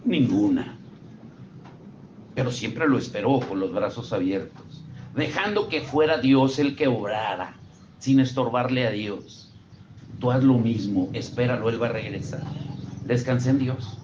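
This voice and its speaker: A man's voice: medium pitch, expressive, unhurried, a little mellow, highs cut off, slight background noise. A middle-aged man with a Mexican accent, a pastor giving a conversational sermon and asking his congregation questions. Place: church service.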